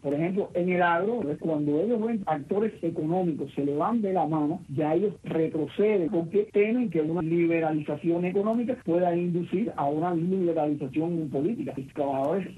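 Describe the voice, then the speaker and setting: A man's voice: fairly high pitch, a little fast, few pauses. Male economist on the phone, tinny line with faint hiss, plain explanatory talk. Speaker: economist interviewee. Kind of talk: phone interview soundbite.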